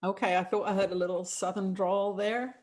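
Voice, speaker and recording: On her show, a middle-aged woman channels spirit guidance, speaking calmly and measuredly as "we" while chatting with callers, in a mid-range voice.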